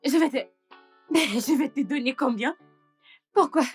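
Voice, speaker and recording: A woman's voice: high voice, unhurried, music in the background. A woman dubbing the irritated wife of the employer, with dismissive, exasperated retorts. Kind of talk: French film dub.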